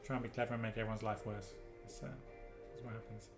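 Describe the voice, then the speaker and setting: A man presenting a casual livestream product demo, joking and upbeat as he talks through the software. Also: lowish voice, flat delivery, fast talker, over music. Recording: roomy echo.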